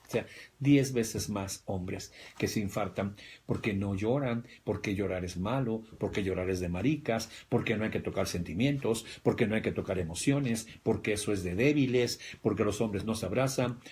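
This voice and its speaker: A man's voice: on the low side, a little mellow. Emphatic Mexican man lecturing. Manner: emphatic, repetitive, addresses listeners directly. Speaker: speaker on spirituality and health. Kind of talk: livestream lecture.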